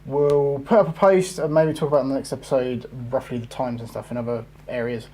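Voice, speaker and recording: A man's voice: medium pitch, steady tone, a little fast, warm tone. Rambling man hosting a podcast. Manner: rambling, lots of fillers and swearing. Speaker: podcast host. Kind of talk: casual gaming chat.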